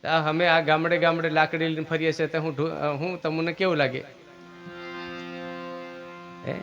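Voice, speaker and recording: A man's voice: a little high, level tone, normal speed, fairly bright tone, lo-fi sound, soft background music. A man giving a village sermon, asking his listeners questions and teaching. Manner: preachy, asks listeners questions. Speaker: religious teacher. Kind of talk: village sermon with devotional singing.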